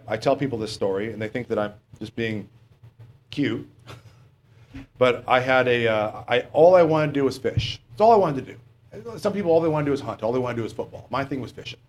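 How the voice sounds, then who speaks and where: With a medium-pitched, animated, slightly mellow voice, a middle-aged man gives a sermon in a plain, halting style, asking rhetorical questions and pausing on fillers.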